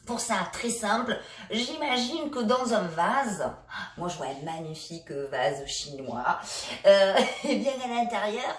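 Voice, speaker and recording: A woman leading a laughter yoga session, coaching gently with many hesitations. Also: mid-range voice, big pitch swings, slow. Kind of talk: guided exercise session. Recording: echoey room, a bit far from the mic.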